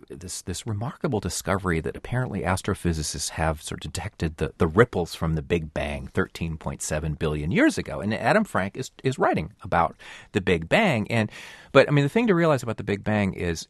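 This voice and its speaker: A man's voice: fairly low pitch, no echo, studio quality. A man discussing books on a radio show, explaining in a thoughtful, hesitant way. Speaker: book reviewer guest.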